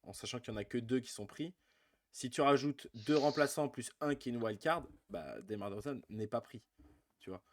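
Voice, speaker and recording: A man co-hosting a live basketball chat show, relaxed and full of fillers as he runs through rankings. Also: medium pitch, a little fast, a little hiss or hum. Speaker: podcast co-host.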